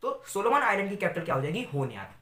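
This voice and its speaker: A man's voice: high-pitched, wildly swooping pitch, very fast, pushed and bright, roomy sound. A man teaching memory tricks in a video lesson. He repeats each point and asks rhetorical questions that he then answers himself. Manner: repetitive, asks rhetorical questions and answers them, says "theek hai" often. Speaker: online teacher. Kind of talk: mnemonic tutorial for a video lesson.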